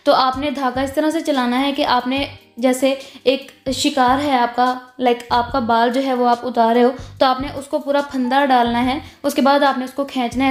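Reverberant audio carries the high voice of a beautician from Pakistan talking viewers through eyebrow threading. She uses an instructive manner, mixes English into her speech, and leans on the phrase "jo hai."

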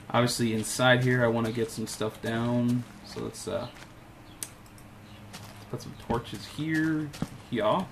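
A man's voice: mid-range voice, steady tone, slow pace, vocal fry, long pauses, slight background noise. A man giving casual commentary while playing a video game, muttering to himself and coaxing in-game animals. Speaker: gameplay commentator. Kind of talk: casual let's-play commentary.

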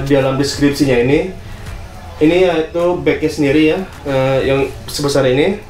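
A young man talks through an unboxing in a relaxed, chatty way, dropping fillers as he goes. His voice stays fairly flat. He is recorded in an echoey room with faint music playing underneath. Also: medium pitch. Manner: chatty, many fillers and tag questions. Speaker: vlogger reviewing gear. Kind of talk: casual product unboxing. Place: small indoor room full of gear. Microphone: camera on tripod, seated.

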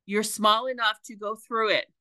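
A woman reading aloud, voicing an older brother who shouts urgent instructions to his trapped sister. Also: on the high side, measured pace, dry recording, voice pushed up.

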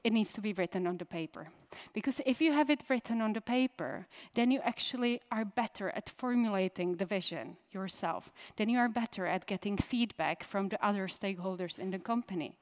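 A woman in her thirties, a native Czech speaker, giving a conference keynote in a direct style and putting questions to the audience. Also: medium pitch. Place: conference stage.

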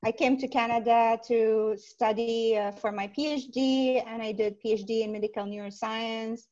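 A woman's voice: a little high, steady tone, normal speed, dark tone. Woman on a muffled video call. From Saudi Arabia. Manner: earnest, many filler "uh"s. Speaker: podcast guest, life coach. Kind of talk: casual interview on a video call. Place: small home room. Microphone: earbud headset mic on a video call. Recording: dull lo-fi call audio.

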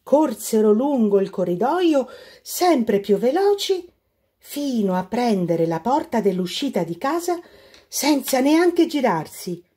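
A woman reading a children's fairy tale aloud as a storyteller, expressive and unhurried. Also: fairly high pitch, husky.

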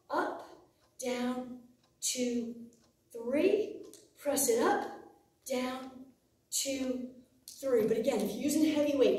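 High-voiced lady aerobics instructor, slow counting n short cheery cues, super echoey room. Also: dark tone. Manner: aerobics instructor cueing, short encouraging commands. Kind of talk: exercise class instruction with counted reps. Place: large indoor exercise studio with hard floor. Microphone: far camera. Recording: roomy echo, distant camera mic.

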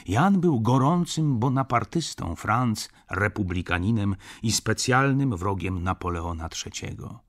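A man reading a classic novel aloud as an audiobook with expressive narration. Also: fairly low pitch, gravelly, slightly rough. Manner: expressive storytelling. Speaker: audiobook reader. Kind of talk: scripted narration.

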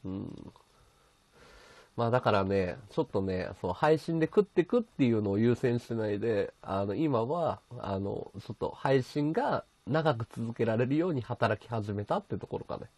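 A man's voice: mid-range voice, a little mellow, no room sound. A man hosting a casual livestream from his bedroom, chatting and thanking his viewers as he reads their comments. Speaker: livestream host. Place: bedroom at home.

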